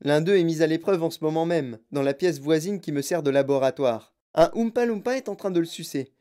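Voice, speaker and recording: A narrator voicing an excitable, eccentric grown-man candy-maker who talks in boastful, bouncy exclamations. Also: medium pitch, a little fast, natural voice. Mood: boastful, excited.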